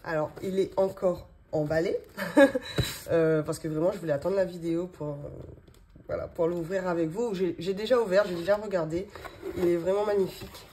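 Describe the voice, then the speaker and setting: A woman in her thirties talks chattily at her home desk, full of fillers and little laughs. Her voice sits a bit low and mellow. A faint hiss runs underneath. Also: steady tone, fairly quick. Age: 30s. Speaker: budgeting vlogger. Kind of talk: casual show-and-tell vlog. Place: home office desk, indoors.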